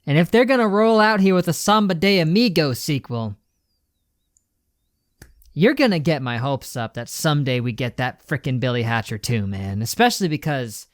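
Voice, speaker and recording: A man's voice: fairly high pitch, expressive, moderate pace, no room sound, clean studio sound. A man streaming a casual, ranting reaction commentary, with an emphatic, slangy way of talking. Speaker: streamer reacting to a game showcase.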